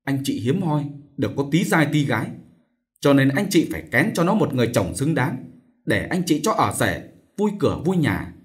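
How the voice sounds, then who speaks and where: A man's voice: mid-range voice, very animated, moderate pace, close to an everyday voice. A man voicing a grieving, bitter old mother. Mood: aggrieved. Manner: moaning, reproachful.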